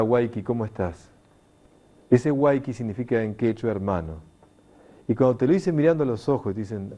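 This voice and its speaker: A man's voice: mid-range voice, dull audio. A middle-aged man, giving an emphatic spoken lecture to an audience and acting out the quoted voices. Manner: warm, emphatic, animated teaching delivery with quoted voices. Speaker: lecturer on consciousness.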